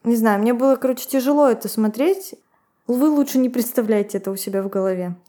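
Женщина-ведущая подкаста, мягкий тембр. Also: female voice, on the high side, quick pace, mellow. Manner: recounts events, laughs and comments. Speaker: podcast co-host. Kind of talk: podcast storytelling.

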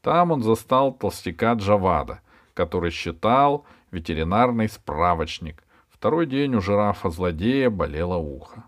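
Low-voiced man reading a storybook. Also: animated, normal speed. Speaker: audiobook reader. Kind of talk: storybook narration.

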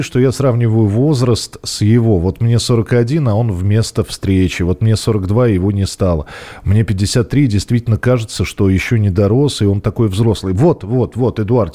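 A man hosting a call-in radio show, his voice low and warm. He muses through his thoughts at an easy conversational pace, with plenty of fillers. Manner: conversational, musing, with frequent fillers. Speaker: radio host.

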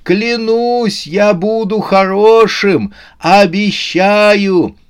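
Stammering, flustered young man, pitched up, played by the male narrator. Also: very slow, clean tone. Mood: pleading. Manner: stammering, pleading.

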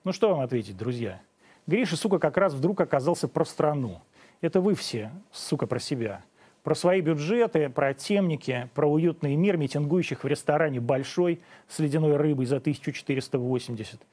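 A man's voice: fairly high pitch, lively intonation, fairly quick, darkish tone. A man in his forties hosting, delivering a sarcastic opinion monologue and then questioning a guest pointedly. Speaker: host.

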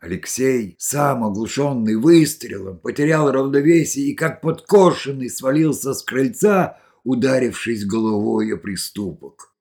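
Gravelly man reading a story aloud. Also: medium pitch, a little slow. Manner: expressive reading, voices the characters. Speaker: narrator.

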